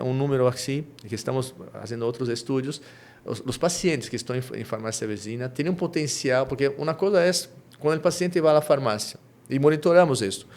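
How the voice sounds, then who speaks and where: In a conversational interview, a middle-aged Brazilian man of Portuguese roots who speaks with a Lima Spanish accent describes what his company does. He frequently restarts phrases and finishes points with a quick question. His voice is medium-pitched with a darkish tone.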